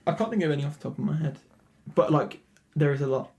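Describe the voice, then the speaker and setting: Young British man, podcast co-host, higher voice, jokey, interrupts. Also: fast, creaky, darkish tone. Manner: joking, laughs often, talks over his friend. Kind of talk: casual chat.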